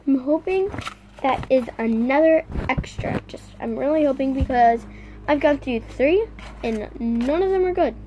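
A woman vlogging an unboxing, talking straight to her viewers in a halting, complaining way. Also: sits high, dark tone, a little hiss or hum. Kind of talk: casual unboxing chat to viewers.

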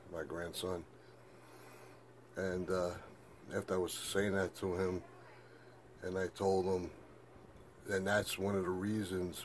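A man's voice: low voice, a little hiss or hum. An older man telling a rambling story in a monologue to camera, full of fillers and "I said". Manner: meandering, repeats "I said", many fillers. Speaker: flat-earth video maker.

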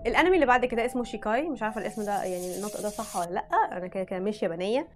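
A woman's voice: medium pitch, expressive, very fast, soft background music. A woman with an Egyptian Arabic accent, chatting frankly as a vlogger, often breaking off mid-word and starting again. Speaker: anime vlogger. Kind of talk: casual chat reading out recommendations.

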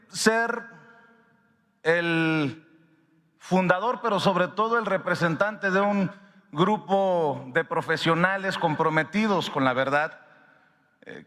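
Man in his fifties, earnest formal address, pitched a touch high, long hall reverb. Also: sharp tone. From Sonora, Mexico. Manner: earnest and grateful, emphatic with drawn-out pauses. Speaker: independent media director giving a speech. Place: large ornate hall in a palace. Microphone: podium microphone.

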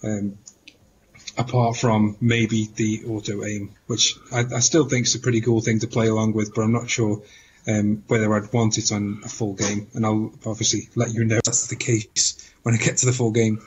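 A man's voice: lowish voice, flat delivery, normal speed, a little hiss or hum. A man co-hosting a casual game discussion, thoughtful and given to stammering restarts. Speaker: podcast co-host.

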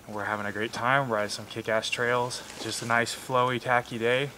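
A man's voice: mid-range voice, level tone, moderate pace, bright, forceful tone. Easygoing man, noisy outdoor audio. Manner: easygoing, laughs often, self-deprecating. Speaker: mountain bike website staffer. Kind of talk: casual interview. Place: outdoors by a building wall.

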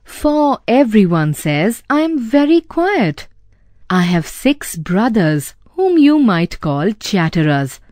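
A woman's voice: mid-range voice, very animated, takes it slowly, a little mellow, no echo, clean studio sound. A woman voicing a chatty, self-important male barber in a storybook tale, wordy and fussy in a soothing way.

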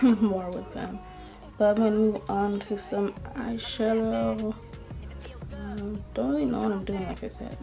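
A 19-year-old beauty vlogger chats casually while doing her makeup in a small bedroom, rambling with lots of "like" and "um". Her voice is mid-range and warm, with vocal fry.

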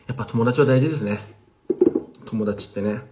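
A man's voice: mid-range voice, brisk, very noisy. A man teaching casually on a livestream, chatting with viewers and replying to their comments. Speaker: language teacher streaming live.

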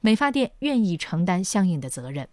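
A woman's voice: fairly low pitch, big pitch swings, a little fast, background noise. A woman reading scripted news narration as a reporter's voice-over.

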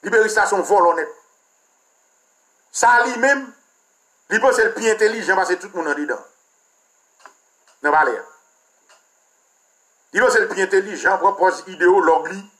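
A man's voice: high voice, normal speed, pauses often, pushed and bright. A man with a Haitian accent, a political commentator delivering a heated, mocking and crude rant.

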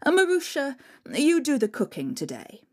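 A woman voicing a scheming, falsely sweet stepmother in a spoken folk tale, with a shrill, gushing manner. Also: huge pitch swings, normal speed, darkish tone.

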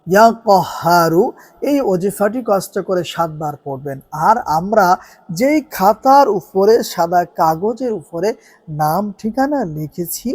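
Earnest man teaching a devotional practice. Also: high-pitched. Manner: earnest, instructive, stretches recited Arabic phrases slowly. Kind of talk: religious instruction.

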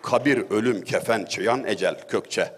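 A man's voice: fairly low pitch, a little slow, breathy edge. A middle-aged man giving a religious talk, telling anecdotes with wry humor and an easy storytelling manner. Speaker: religious speaker. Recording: long hall reverb.

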